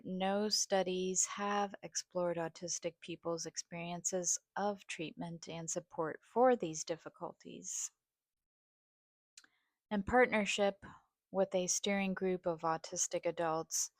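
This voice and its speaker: A woman vlogging in a rambling, personal way, halting and hesitant, with vocal fry and a sometimes scratchy voice. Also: fairly low pitch, no room sound, clean studio sound. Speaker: video host. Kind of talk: rambling personal vlog, partly reading a study aloud.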